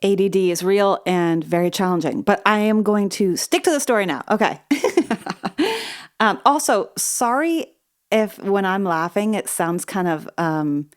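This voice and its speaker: A woman's voice: medium pitch, moderate pace, smooth. A woman hosting her own podcast, telling a personal story in a chatty, self-deprecating way that wanders off on tangents, slightly wheezy from asthma. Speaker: podcast host.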